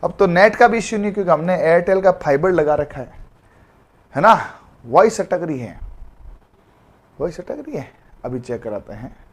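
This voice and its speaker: High-voiced chatty male teacher. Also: lively intonation, normal speed, long pauses. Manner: chatty, calls students beta, jokey memory tricks. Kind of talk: live online exam-prep class.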